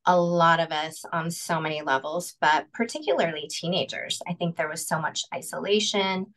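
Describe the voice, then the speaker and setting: A woman's voice: low-pitched, moderate pace, fairly bright tone, poor audio. A woman in her forties, a pageant director, talking earnestly and reflectively on a video call, with many ums. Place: home room indoors.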